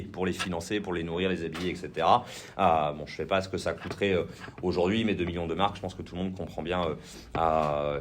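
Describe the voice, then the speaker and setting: There's a little hiss or hum behind a low-pitched man with a French accent giving an informal political training talk indoors. He hesitates a lot, restarting and using many fillers.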